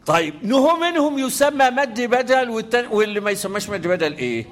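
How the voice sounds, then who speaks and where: With an extremely high-pitched voice, big pitch swings and a quick pace, a man with an Egyptian accent teaches the rules of Quranic recitation. He repeatedly quizzes his students and chants the verses melodically.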